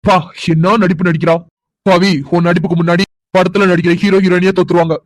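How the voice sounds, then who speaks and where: Guy doing a cartoon husband who sneers and scolds, high-ish voice, rattles it off fast. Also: little pitch movement, dry recording, natural voice. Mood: scornful anger. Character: young husband, harsh and contemptuous. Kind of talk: cartoon drama voice acting.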